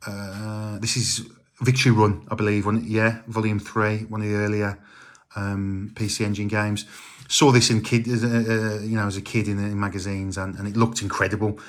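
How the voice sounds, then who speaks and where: Middle-aged man, slightly low register, casual rambling vlog delivery, plenty of filler words. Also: normal speed. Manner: relaxed, rambling, many ums and uhs. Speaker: retro game collector.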